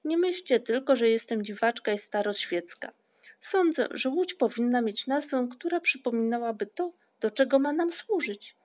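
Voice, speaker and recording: A woman reading the part of Moominmamma, a gentle, modest mother troll, in a storybook. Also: a little high, lively intonation, normal speed, voice pushed up, natural voice. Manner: gentle, soft-spoken. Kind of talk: audiobook character reading.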